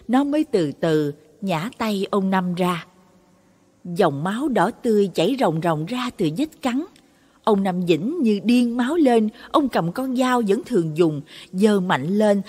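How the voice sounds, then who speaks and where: A woman's voice: mid-range voice, a little mellow, breathy edge. A woman narrating a Buddhist morality story with dramatic expression. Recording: long reverb.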